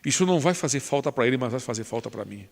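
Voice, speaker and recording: A man voicing a poor, starving schoolboy who pleads in a hushed, tearful way. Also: mid-range voice, animated, very fast, creaky, husky, in a large hall. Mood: pleading.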